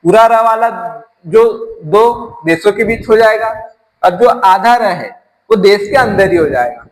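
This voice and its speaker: A man's voice: sits high, lively intonation, unhurried, a little hiss or hum, low-quality recording. A man from teaching an exam-prep grammar lesson, explaining step by step and asking his class rhetorical questions.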